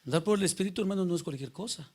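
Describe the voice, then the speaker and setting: A man's voice: high-pitched, very fast, breathy edge. A man preaching a conversational sermon in church, often calling out to listeners by name with rhetorical questions. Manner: keeps questioning the congregation by name, rhetorical and animated. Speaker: pastor.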